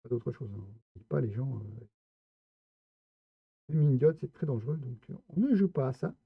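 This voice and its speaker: A man's voice: medium pitch, animated, normal speed, vocal fry, slightly rough, no echo. A man giving casual gameplay commentary, chatty and playful, talking straight to his viewers. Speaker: streamer. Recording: tinny phone-like, dry sound.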